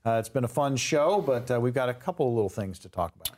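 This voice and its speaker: Smooth radio host man. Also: medium pitch, lively intonation, quick pace, darkish tone. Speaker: radio show host, consumer advocate. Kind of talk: radio show hosting and casual chat.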